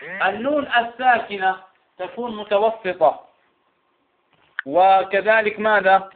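High-voiced male teacher, tinny sound. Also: takes it slowly, soft background music. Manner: asks questions and answers them himself. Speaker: Quran recitation teacher. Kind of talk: classroom lesson.

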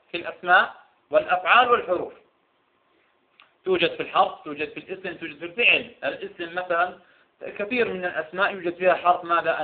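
A man teaching Quran recitation rules, who keeps asking questions and answering them himself. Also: sits high. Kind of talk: classroom lesson. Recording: tinny phone-like sound.

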